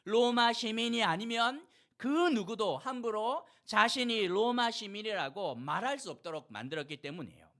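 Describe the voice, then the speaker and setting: A male pastor preaching a sermon, retelling a scene with animated, everyday storytelling. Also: high-pitched, normal speed, hardly any pauses.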